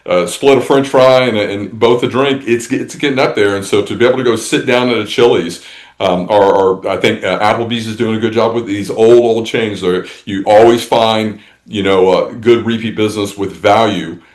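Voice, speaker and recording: A man's voice: fairly low pitch, steady tone, normal speed, poor audio. A man talking as a tourism industry guest in a casual interview, rambling along with many restarts and fillers.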